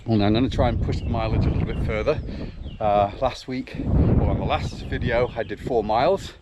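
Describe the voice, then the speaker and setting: A man's voice: mid-range voice, a little fast. A man out of breath, chatting casually to his vlog while jogging outdoors on an uphill road. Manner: talking while jogging, puffing. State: out of breath, occasional cough. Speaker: running vlogger. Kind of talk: casual vlog chat to camera. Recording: noisy outdoor recording.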